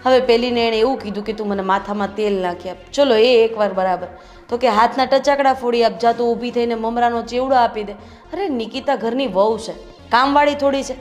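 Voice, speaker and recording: A woman's voice: fairly high pitch, fairly quick, soft background music, close to an everyday voice. A woman playing an earnest daughter-in-law. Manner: earnest, complaining. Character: concerned daughter-in-law speaking to elders. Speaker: daughter-in-law in family drama. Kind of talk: Gujarati family drama acting.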